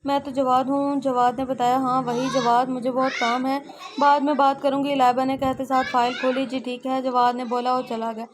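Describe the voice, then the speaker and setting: A woman reads a romance novel aloud in a high, level voice that barely rises or falls. She voices every character herself and often stumbles and corrects her words. A faint hiss sits behind the recording. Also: flat delivery, moderate pace. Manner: reads all characters in her own voice, with frequent slips and self-corrections. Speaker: narrator reading an Urdu romance novel. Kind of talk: audio novel read-aloud.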